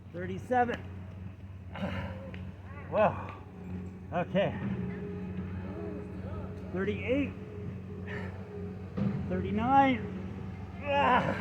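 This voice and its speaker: A man's voice: high voice, highs cut off. A man in his sixties doing push-ups, out of breath and straining as he coaches and counts along casually. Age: 60s. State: out of breath from exertion. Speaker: fitness instructor demonstrating exercise. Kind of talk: casual workout coaching to camera. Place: outdoors in a park. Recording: noisy outdoor recording with traffic.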